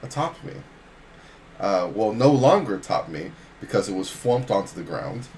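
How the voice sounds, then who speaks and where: A man voicing a slow-thinking centaur adventurer who rambles in a halting, earnest, formal way, recorded in a noisy room. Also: on the low side, sing-song, darkish tone. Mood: earnest, rambling.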